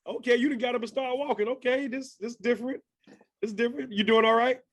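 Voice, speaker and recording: A man's voice: extremely high pitch, steady tone, fast. A man in his thirties hosting a casual interview over a video call, upbeat and chatty with a slangy manner. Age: 30s. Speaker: interview host.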